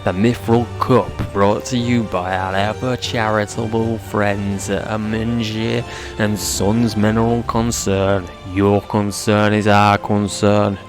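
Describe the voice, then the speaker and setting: A bombastic old arena announcer from a video game, performed by a man. He draws out his words in a rather low voice, relishing the bloodsport like a theatrical showman. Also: little pitch movement, takes it slowly, over music. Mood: grand showmanship. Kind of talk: video game dialogue read aloud.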